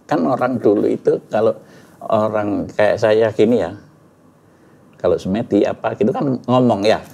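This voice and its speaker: A man's voice: lowish voice, normal speed, gravelly, a little mellow. Earnest middle-aged man. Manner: earnest storytelling, sprinkled with Javanese words. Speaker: guest giving a testimony. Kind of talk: emotional personal testimony interview.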